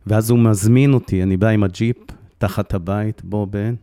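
Middle-aged man, gravelly, dark tone, emotional storytelling, dry close sound. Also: fairly low pitch, fairly even intonation, dry recording. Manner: intense, repeats phrases for emphasis. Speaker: guest, bereaved father.

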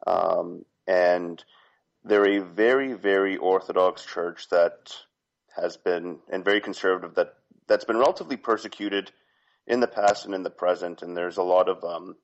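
A man from Canada calling in to a talk show, polite and halting, with many fillers and restarts. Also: low voice, gravelly. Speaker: caller. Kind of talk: phone-in question. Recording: dull lo-fi phone line.

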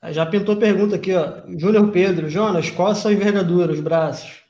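A man's voice: high voice, a little fast, mellow, highs cut off. A Brazilian man hosting a casual live interview, greeting viewers in an upbeat, friendly way and reading out their questions. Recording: roomy echo.

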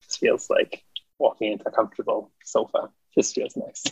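A Scottish ecologist in his thirties, with a mild mixed Scottish accent, chats casually as an interview guest and laughs a lot. He speaks at a moderate pace in a slightly mellow voice. The audio is dry, dull, and lo-fi.

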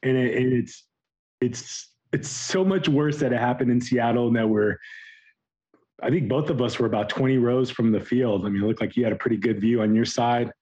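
A man with a slightly raspy, shouted-out voice, giving critical opinions in casual sports talk as a co-host. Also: medium pitch, fairly quick, rough recording. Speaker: podcast co-host.

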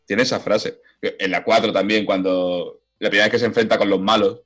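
A man in casual film chat, animated and lively, acting out movie lines in put-on voices. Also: lowish voice, brisk, faint music behind.

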